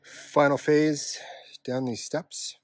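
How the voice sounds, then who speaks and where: A man with a slightly husky voice gives casual, unhurried, offhand narration to his camera while walking a trail outdoors. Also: fairly high pitch, little pitch movement, no echo. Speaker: hiking vlogger. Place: outdoors on a park trail with a stream nearby.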